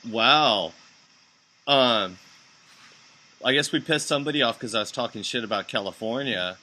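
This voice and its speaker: A man's voice: mid-range voice, moderate pace, pushed and bright, rough recording. A man hosting a casual live stream chat, making wry, skeptical asides. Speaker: show host.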